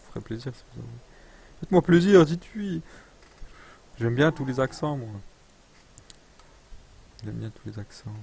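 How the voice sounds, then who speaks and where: A young man live-streaming a game, chatting casually, reading chat aloud and joking around with playful accent attempts. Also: medium pitch. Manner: rambling, reads chat aloud, jokes and tries out accents.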